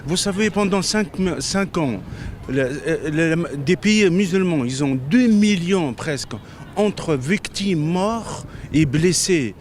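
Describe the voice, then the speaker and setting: A man from Tunisia speaking as a protester at an outdoor rally, earnest and halting, repeating words as he goes. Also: fairly high pitch, animated, a little hiss or hum. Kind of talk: street interview statement. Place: outdoors on a city street.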